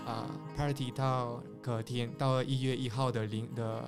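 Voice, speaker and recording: A man's voice: mid-range voice, little pitch movement, normal speed. A man from Peru in a casual podcast chat, speaking Mandarin and hesitantly searching for words. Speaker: podcast panelist. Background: guitar music.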